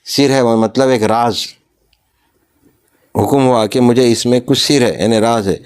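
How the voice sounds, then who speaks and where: A man's voice: mid-range voice, a little mellow, smooth. A man with a Pakistani Urdu accent, reading a religious story aloud and stopping to explain each passage in plain words.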